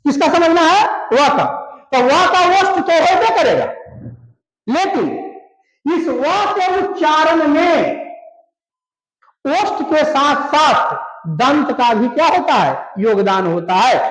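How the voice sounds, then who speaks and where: A man's voice: extremely high pitch, expressive, takes it slowly, fairly bright tone, echoey room, poor audio. A male teacher giving a classroom-style grammar lesson, asking questions and answering them himself. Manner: quizzes students with repeated questions and answers.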